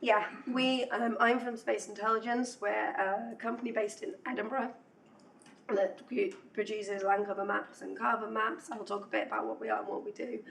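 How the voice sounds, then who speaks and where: A woman's voice: mid-range voice, fairly even intonation, moderate pace, creaky, far from the mic, poor audio. A woman gives a technical talk in a lecture room, her voice fraying as she loses it. She is chatty and self-deprecating, filling gaps with ums. She sits a little back from the mic, with a faint hum in the room. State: losing her voice. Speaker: conference speaker.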